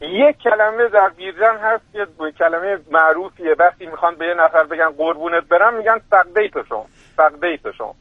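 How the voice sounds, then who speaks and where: A man's voice: sits high, few pauses, no room sound. A man with a strong Birjandi accent, a lecturer calling into a radio show, explaining things in a formal, polite and eager way. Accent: Birjandi Persian. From Birjand, Iran. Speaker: guest expert, university lecturer. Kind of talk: radio talk by phone. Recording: tinny phone line.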